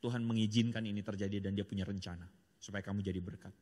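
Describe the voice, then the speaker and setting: A man's voice: fairly low pitch, steady tone, fast, a little mellow. A man giving a church seminar talk, speaking earnestly and directly to the audience. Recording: long hall reverb.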